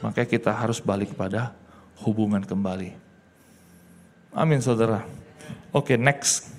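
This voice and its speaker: A man from Indonesia preaching a sermon as a pastor, telling a personal testimony that swings from quiet to loud. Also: on the low side, measured pace, big-room sound, a little hiss or hum. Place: church hall.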